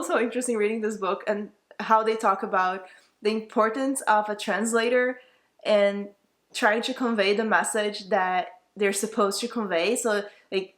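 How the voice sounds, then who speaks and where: Her voice is mid-range and somewhat bright as this young Brazilian woman, whose first language is Portuguese, gives an eager, loosely structured book review full of self-corrections.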